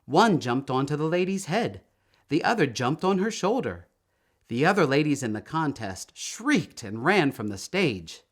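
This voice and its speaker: Reading a children's story aloud, a man uses a deliberate, expressive storyteller's delivery. His pitch is fairly high.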